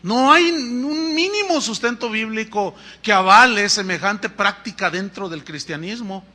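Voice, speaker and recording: A male pastor delivering an emphatic sermon in a high, piercing voice. His delivery is forceful and tense, with sudden loud rises. He addresses the listeners directly as brothers and sisters. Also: animated, unhurried. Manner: speaks to the congregation as brothers. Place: church.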